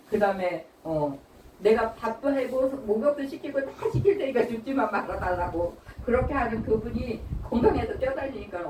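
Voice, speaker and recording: A woman pastor giving a conversational sermon. She often turns to the congregation with a quick question, and she acts out pleading quotes in a raised voice. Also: mid-range voice. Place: church hall. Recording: roomy church from a distant mic with faint hiss.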